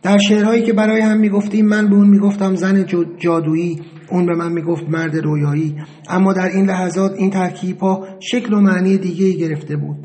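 Man, first-person audiobook narrator, high-ish voice, steady, reflective.

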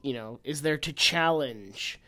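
A man's voice: mid-range voice, measured pace, sharp tone. A young man co-hosting a podcast, chatting casually and laughing, with playfully strong opinions. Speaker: podcast co-host. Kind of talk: casual chat.

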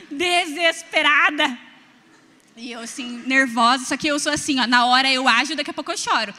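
A young Brazilian woman preaching, telling personal stories in an animated way and speaking straight to the congregation. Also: high voice, brisk, in a large hall. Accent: Brazilian Portuguese. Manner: animated storytelling, addresses the congregation directly.

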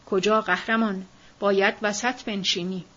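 Picture an older matriarch in a storybook who insists on getting her way, her lines pressed out with emphasis and a touch more volume, as a woman narrator reads her. The recording is muffled and lo-fi, with dull highs. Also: fairly even intonation, a bit bright, close to an everyday voice. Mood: insistent.

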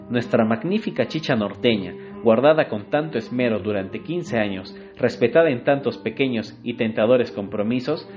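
A man narrating a literary short story in a measured, expressive reading. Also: mid-range voice. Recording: dull lo-fi recording. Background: faint guitar music.

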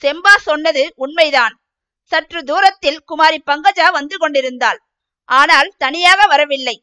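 A woman reading a novel aloud as narrator in an even, measured manner. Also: high-pitched. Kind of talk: storybook reading.

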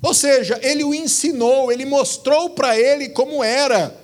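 A man delivers a sermon in a high, bright register. He exhorts his listeners, keeps asking them rhetorical questions and calls each one brother. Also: moderate pace. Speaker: preacher.

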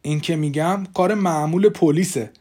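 A man voicing a calm, methodical small-town sheriff in an audiobook, matter-of-fact in his speech. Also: a little high, breathy edge.

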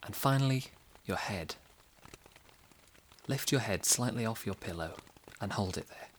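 Male sleep-story narrator, deep low register, slow soothing delivery. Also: expressive, slight background noise, poor audio.

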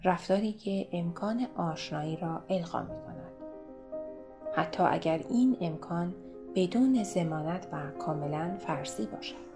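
A woman narrating a novel in a measured, even reading. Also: fairly low pitch, music in the background. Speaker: audiobook narrator. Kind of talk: scripted narration.

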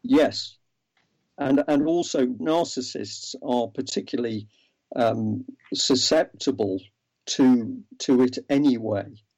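Over a remote line, a male interview guest explains things earnestly but slowly, with lots of ums and false starts. His medium-pitched voice is somewhat dark, and the lo-fi audio sounds dull.

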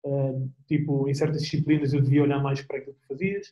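A young man with a European Portuguese accent, chatting as an interview guest in a relaxed, slangy way with plenty of restarts. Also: medium pitch, fast, reverberant, lo-fi sound. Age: young adult. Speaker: guest athlete. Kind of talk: casual interview chat.

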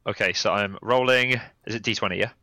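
A man playing in a tabletop role-playing game, thinking aloud and chatting as he plans his next move. His voice sits a bit low but sounds bright and forceful, and it is recorded dry, with no room sound. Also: a little fast, dry recording, low-quality recording. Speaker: player. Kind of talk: casual tabletop game chat.

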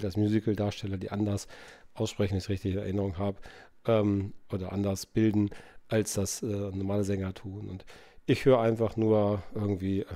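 A man talks through his thoughts on a solo podcast, pausing often and filling gaps with hesitant sounds. His voice sits fairly low and has a dark, mellow tone. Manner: musing, many fillers and hesitations. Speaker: podcast host. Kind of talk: reflective solo podcast talk.

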